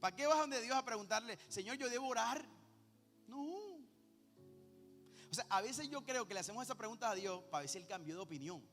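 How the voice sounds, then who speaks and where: A man, teasing his congregation with quick rhetorical questions. His voice echoes through a large church hall over faint background music. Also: high-pitched, animated, fairly bright tone. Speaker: pastor. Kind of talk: sermon.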